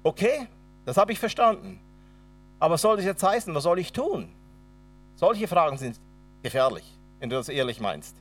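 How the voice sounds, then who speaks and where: A man's voice: on the high side, big pitch swings, moderate pace, long pauses, far from the mic. A man with a Swabian accent preaching a sermon and telling his own testimony, acting out the dialogue dramatically. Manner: dramatic storyteller, acts out dialogue.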